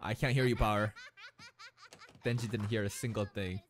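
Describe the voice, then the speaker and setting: An anime reaction streamer in his twenties sits in a gaming chair in a small room, speaking close to a studio mic on a boom arm. At a normal speed, he reacts animatedly and excitedly, laughing and breaking into bursts of shouting.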